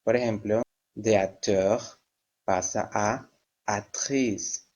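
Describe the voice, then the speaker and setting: A man teaching a French lesson, who spells word endings letter by letter and repeats each word slowly. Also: on the low side, fairly even intonation, darkish tone. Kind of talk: slow step-by-step language lesson.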